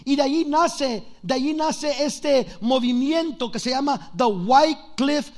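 A man from Los Angeles preaching a storytelling sermon, fast, animated and joking. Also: very high voice. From Los Angeles, USA.

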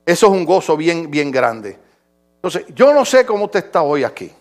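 A middle-aged man pastor delivering an impassioned sermon that swings from shouts to quiet. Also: on the high side, big pitch swings, moderate pace, soft background music.

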